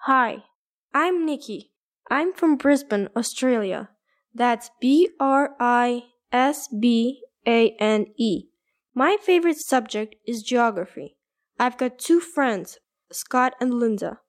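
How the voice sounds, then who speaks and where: An upbeat teenage schoolgirl , as a woman voices her, introduces herself in a high, bright-sounding voice. She speaks carefully and clearly, in the manner of a language coursebook. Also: animated, slow. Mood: cheerful. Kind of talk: scripted textbook dialogue.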